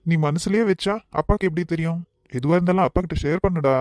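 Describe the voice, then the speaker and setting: A man's voice: a little high, fast talker, a little mellow, dry recording, studio quality, lightly acted. Tender cartoon father, voiced by a man. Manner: pleading, affectionate. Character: worried, tender father of a grown daughter.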